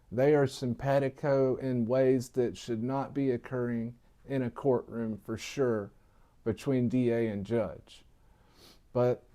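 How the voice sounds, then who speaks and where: A man's voice: medium pitch, warm tone. A man with a lisp giving informal political commentary to viewers, repeating points for emphasis.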